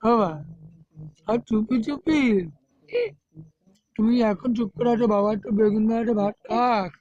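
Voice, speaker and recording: A woman's voice: on the high side, fairly even intonation, a little slow, darkish tone, no echo, lo-fi sound. A mother cooing to her baby in doting, sing-song baby talk, recorded on a phone.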